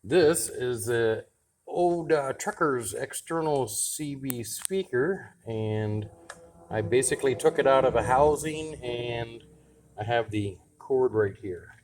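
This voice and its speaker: Speaking slowly with a medium pitch, a man tinkers with radio gear and chats loosely to camera. His casual how-to vlog is relaxed, with him thinking out loud as he works.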